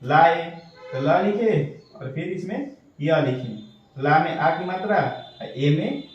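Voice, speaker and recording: Taking it slowly and expressively, a man on the high side walks through shorthand step by step, raising questions and answering them with patience. The audio is dull, and his voice comes from afar in an echoing room.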